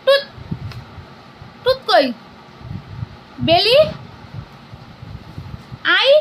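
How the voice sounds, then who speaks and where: A young mother, speaking in a very high, bright, sharp voice. She chats casually on a home vlog, coaxing her child with quick, animated questions, one after another. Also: slight background noise, low-quality recording. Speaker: vlogger and mother.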